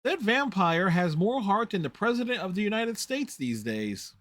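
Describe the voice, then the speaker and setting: A man's voice: sits high, sing-song, normal speed, a bit bright, dry recording, studio quality. A man hosting a reaction video, giving casual, rambling, conversational running commentary on a TV show.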